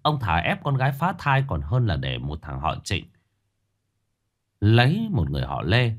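A man narrating a dramatic village tale in an expressive, scripted storytelling voice. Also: fairly low pitch, moderate pace.

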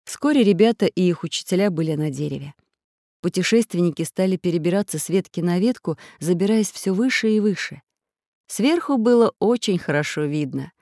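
A woman reads a children's adventure story with lively, animated intonation. Her storytelling swings widely in pitch. The recording is dry and close. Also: no room sound. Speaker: audiobook narrator. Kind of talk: expressive children's story reading.

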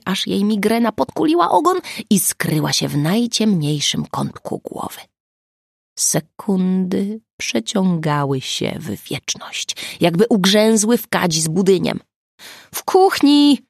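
A woman reading an audiobook in an expressive storytelling manner. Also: fairly low pitch, gravelly, no echo, studio quality. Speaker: audiobook narrator. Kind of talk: scripted audiobook narration.

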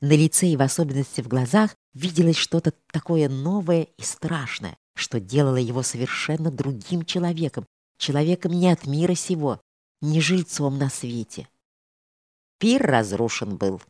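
A woman with a strikingly deep voice narrates a storybook with measured, expressive phrasing and a lively melodic line. The recording is dry and close. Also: dry recording. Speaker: reader. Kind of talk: audiobook narration of a historical novel.

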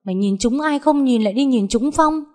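A woman voicing a stern, domineering older father who scolds and shouts at his daughter. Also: high voice, a little fast, voice pushed up, lightly acted. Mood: furious.

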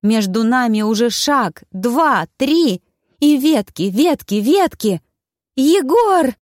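A woman telling a fantasy story in the first person as an audiobook narrator, with lively, expressive delivery. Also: fairly high pitch, takes it slowly, no room sound, studio quality.

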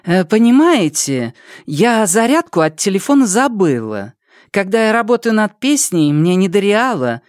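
A flighty young woman singer, as a male narrator puts her on in an audiobook, high-pitched and whiny, her voice swooping widely up and down. She pleads tearfully and gets flustered easily. The recording is close and dry. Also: sing-song, moderate pace, no room sound. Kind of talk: audiobook character voice.

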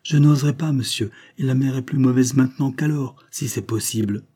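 A man's voice: mid-range voice, brisk, dark tone, husky, pitched above the performer's own voice, natural voice. A man voicing an old sailor in his sixties who speaks bluntly and curtly in a storybook reading. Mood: fearful. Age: 60s. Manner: blunt, curt. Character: old sea-dog sailor, gruff and fearful.

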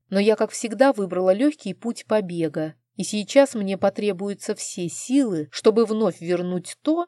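A woman's voice: medium pitch, dark tone, dry recording, clean studio sound. A woman narrating a first-person novel as an audiobook, reading with an emotional, heartfelt manner.

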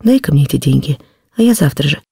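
Woman playing a frantic poor father, trembling, stern, gravelly texture, dry studio. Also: low-pitched, lively intonation, fast, warm tone, no room sound, heavily acted. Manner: trembling, feverish, then stern. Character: desperate, pleading then harsh poor father.

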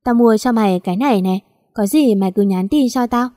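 A woman voicing a bossy, gruff young rich master who gives curt, scolding orders. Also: fairly high pitch, brisk, dark tone, no room sound, clean studio sound, lightly acted.

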